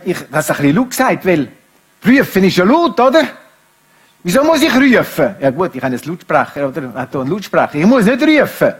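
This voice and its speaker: A middle-aged man preaching a sermon, moving between quiet, reflective passages and raised, emphatic speech. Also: high-pitched, breathy edge.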